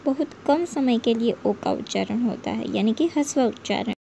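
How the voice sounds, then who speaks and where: A woman teaching English pronunciation in a lesson, reading out example words one at a time in a slow, deliberate way. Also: a little high, creaky, dark tone. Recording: slightly muffled with faint background hiss.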